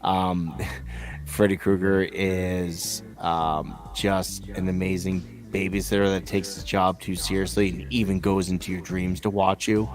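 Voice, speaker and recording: Brief: man co-hosting a casual live stream, low voice, animated storyteller, faint music underneath. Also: unhurried. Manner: animated storyteller, jumps high for quoted voices. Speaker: co-host.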